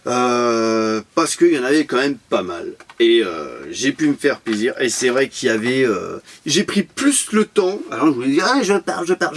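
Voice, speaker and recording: A man from France chatting casually in a vlog as he shows off his toy-car purchases, rambling and repeating himself. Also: fairly high pitch. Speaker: collector presenting his purchases.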